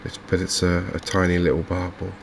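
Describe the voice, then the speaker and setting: An English gaming video host offers softly spoken ASMR commentary on a game in a low voice that is extremely even and gravelly at the edges. He sounds unhurried, a little hesitant and gently musing, with faint background noise from open windows and fans.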